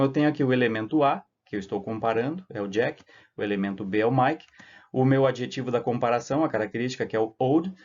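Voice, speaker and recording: A man's voice: medium pitch, darkish tone. A man with a Brazilian Portuguese accent teaching an English grammar lesson over slides, explaining step by step and checking in with short tag questions. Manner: explains step by step, many "tá?" and "né?" tags. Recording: slightly dull lo-fi audio.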